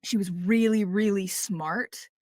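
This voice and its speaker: A woman's voice: mid-range voice, takes it slowly, a little mellow, dry recording, studio quality. A woman voice actress chatting in a casual podcast interview, full of fillers like "like" and "um.". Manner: chatty, filler-heavy, acts out quotes. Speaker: voice actress guest.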